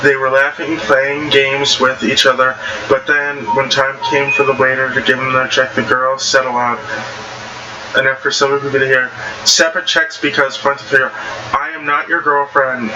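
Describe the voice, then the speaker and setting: In a mid-range voice with little pitch movement, a man reads online stories at a moderate pace over dull-sounding audio. Informal and blunt, he trips over words here and there and tosses in slangy comments against a noisy background.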